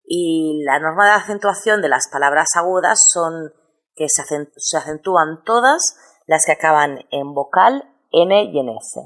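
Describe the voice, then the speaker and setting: Speaking low with lively intonation and a touch of brightness, a Spanish teacher records a lesson on spelling rules. She explains patiently, one step at a time, slowly spelling out each syllable.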